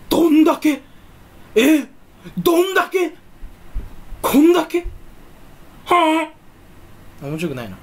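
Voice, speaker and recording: Animated stuffy-nosed man rambling playfully. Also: on the high side, a little hiss or hum. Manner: playful, rambling, breaks into silly voices. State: stuffy nose. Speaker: YouTuber. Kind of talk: casual solo chat.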